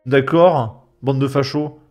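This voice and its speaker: Speaking slowly in a slightly mellow, mid-range voice with fairly even intonation, this young man offers mocking YouTube reaction commentary. His style is casual, slangy, sarcastic and exasperated, and music plays underneath.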